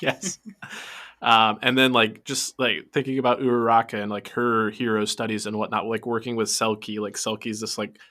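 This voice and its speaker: A man's voice: lowish voice, level tone, moderate pace, bright, forceful tone. A man co-hosting a podcast in casual chat, thoughtful and hesitant, with many fillers. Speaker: podcast co-host.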